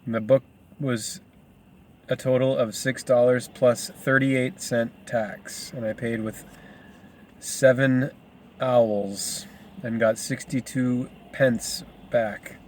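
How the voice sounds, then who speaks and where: A man's voice: mid-range voice, steady tone, slow pace, a little mellow, a little hiss or hum. A man casually reading a book aloud, rambling into asides and stumbling over hard names. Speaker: reader.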